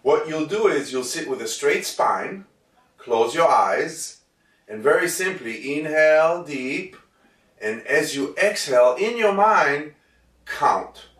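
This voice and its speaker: Male meditation teacher, middle-aged, slow breath-counting guidance with measured pauses, recorded at a distance in an echoey room. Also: medium pitch, fairly bright tone. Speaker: meditation and Chi Kung instructor. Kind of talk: spoken instruction for breath meditation. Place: indoor studio with plain backdrop. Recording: roomy echo, distant microphone.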